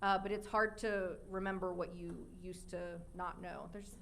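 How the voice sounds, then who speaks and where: A woman who hosts a podcast and works as a reporter, explaining things in quick asides at a live audience event. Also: fairly low pitch, level tone, crowd noise.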